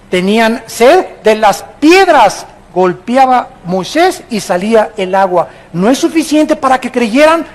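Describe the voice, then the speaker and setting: A man's voice: high voice, rough recording. A man with a Mexican accent preaching a sermon, emphatic and addressing his listeners directly. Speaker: pastor.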